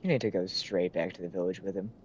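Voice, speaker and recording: A man's voice: low-pitched, fairly even intonation, fast, darkish tone, breathy edge, pitched below the performer's own voice. A man voicing a stern adult male warrior in a video game, who speaks curtly and scolds. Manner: curt, scolding.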